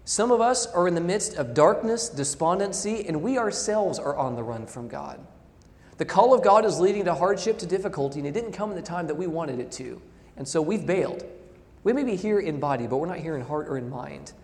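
Lively high-voiced male preacher in a hall. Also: fairly quick. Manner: reads quotations aloud, emphatic shifts between loud and soft. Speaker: pastor. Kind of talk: sermon.

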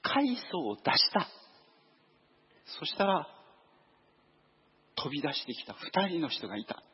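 A man preaching a storytelling sermon, lively and acting out voices and sound effects. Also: a little high, unhurried, breathy edge. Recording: dull lo-fi recording.

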